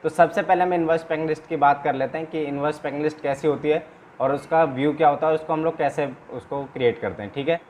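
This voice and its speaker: This trainer and channel host speaks quickly in a slightly high, darkish voice. In his instructional video he casually explains paperwork one step at a time, repeating points and tossing in small check-ins, while background noise and room ambience are clearly audible.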